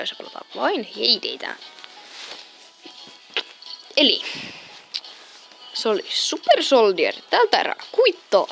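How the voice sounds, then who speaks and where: Creaky-voiced woman playing a farm game. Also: fairly high pitch, fairly bright tone. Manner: chatty, muttering reactions to the game. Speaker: gameplay video host. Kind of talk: casual let's-play commentary. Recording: game music behind the voice. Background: game music.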